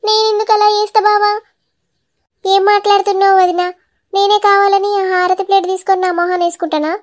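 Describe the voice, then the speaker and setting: A woman voicing a young cartoon wife, protesting her innocence. Her voice is extremely high and plaintive. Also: level tone, quick pace. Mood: pleading. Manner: pleading, plaintive. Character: wronged young wife, pleading and tearful.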